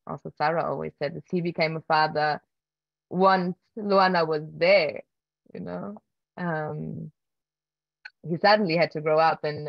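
This woman's voice sits low and gravelly in a dry recording. Speaking as a keynote guest and filmmaker on a muffled video call via laptop webcam, she gives conversational Q&A answers from a home room with wooden beams. Her manner is hesitant, with lots of fillers, restarts and quiet laughter.

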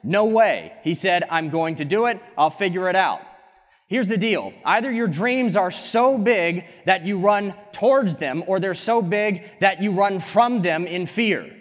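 A young man giving an energetic motivational keynote on a conference stage through a headset mic. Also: sits high, measured pace. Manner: energetic, gesturing, quips at co-speaker. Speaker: keynote speaker. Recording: hall reverb from a conference stage.

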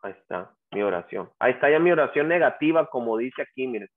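Un hombre que da una clase de inglés en línea, explicando con paciencia paso a paso y llamando a los alumnos por su nombre. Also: male voice, medium pitch, lively intonation, fast talker. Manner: patient, explains step by step, repeats students' names. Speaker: English teacher. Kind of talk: online class instruction. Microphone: video call. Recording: tinny lo-fi call audio.

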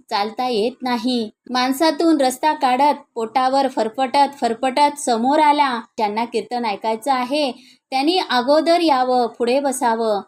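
A woman narrates a devotional tale in the style of a kirtan, her telling dramatic and emotive. Her voice sits high for a woman. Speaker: devotional storyteller.

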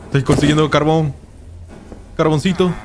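A man playing a horror game with a friend, shouting in fright and laughing. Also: fairly high pitch, steady tone, moderate pace, noisy background. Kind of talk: gaming chat.

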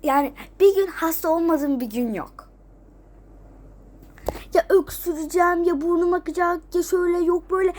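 A woman's voice: very high voice, moderate pace, pauses often, a little mellow. A teenage girl vlogging casually while sick with a cold, coughing and runny-nosed, chatting repetitively to her friends. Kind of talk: casual chat to camera. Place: at home, just out of bed.

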